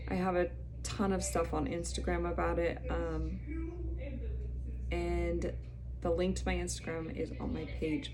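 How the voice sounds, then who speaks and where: Brief: chatty woman vlogger in her thirties, low-pitched, candid storytelling to camera. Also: darkish tone. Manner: chatty, candid, quotes people in little acted bits.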